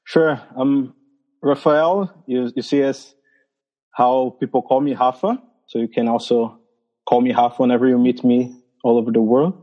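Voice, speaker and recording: A Brazilian man with a Brazilian Portuguese accent appears as a missionary guest on a casual podcast, telling his story haltingly and laughing often. His pitch is medium and his tone steady, and the audio has its highs cut off.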